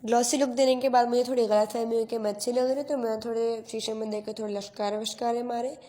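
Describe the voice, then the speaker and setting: A teenage girl with a fairly high, steady, dark-toned voice talks fast as she narrates a casual get-ready-with-me vlog. She's chatty and pokes fun at herself, slipping English phrases into her Hindi. It was filmed on a phone camera in her bedroom at home.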